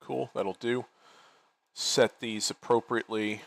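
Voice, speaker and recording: A man's voice: lowish voice, steady tone, slow, creaky, dry recording. A man leading an online military game as commander, giving tactical briefings and talking through plans casually on a headset.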